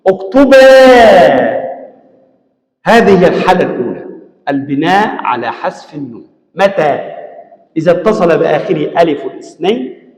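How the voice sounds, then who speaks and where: A man teaching a classroom grammar lesson, explaining step by step, asking his students questions and drilling examples slowly. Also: on the high side, darkish tone. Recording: echoey hall with long reverb.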